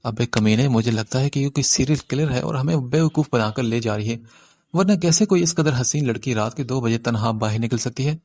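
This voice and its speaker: In this audiobook reading, a man with a medium-pitched, darkish, natural voice portrays a young male street thug who coaxes and wheedles before dropping to frightened, nervous whispers to his friend. The recording is dry.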